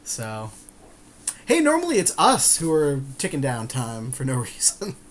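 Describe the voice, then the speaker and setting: Co-hosting a game podcast, a man chats playfully with friends while drafting in a card game, joking and swearing as he explains his moves. His medium-pitched voice swoops wildly, and he speaks at a measured pace.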